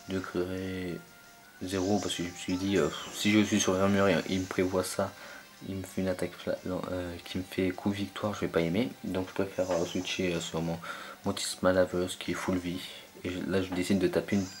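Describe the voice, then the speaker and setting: A young man commentating his own online battle game match, hesitant and full of fillers as he searches for names. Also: low-pitched.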